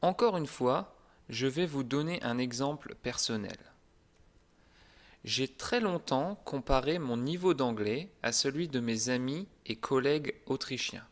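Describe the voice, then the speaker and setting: Slow, calm male language teacher. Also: mid-range voice. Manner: calm, deliberate, clearly articulated. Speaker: French teacher. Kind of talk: scripted language lesson.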